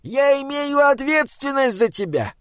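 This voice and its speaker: A high-voiced bossy little troll. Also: male voice, very animated, unhurried, no echo, studio quality, full character voice. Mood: urgent. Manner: stilted, oddly worded speech. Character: small earnest male troll guardian, bossy.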